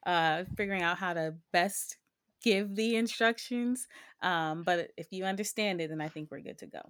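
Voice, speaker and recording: A woman's voice: lowish voice, moderate pace, a bit bright, smooth. A young adult woman hosting her own podcast, talking in a reflective, casual way with frequent ums. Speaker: podcast host.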